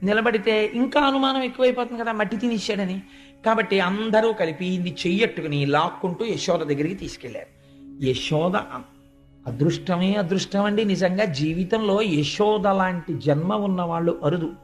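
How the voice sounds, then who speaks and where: A man's voice: high voice, normal speed, soft background music. A man giving a devotional storytelling discourse, speaking to listeners directly and acting out the voices in his stories. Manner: lively, addresses listeners directly, acts out quoted voices.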